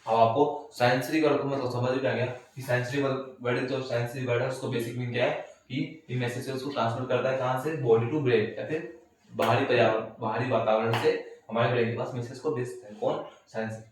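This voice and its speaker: Male teacher at a distance from the mic, lecturing in a boomy room with faint noise, drills points by asking questions. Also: fairly even intonation, fairly quick, very echoey. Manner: repeats points and quizzes listeners with questions. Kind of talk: recorded class lecture.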